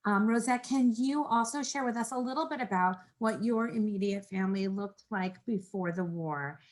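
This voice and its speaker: A woman's voice: medium pitch, normal speed, rough recording. A woman moderating an online talk, politely and methodically guiding her guests over a video call. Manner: polite and organized, guiding the speakers. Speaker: program moderator.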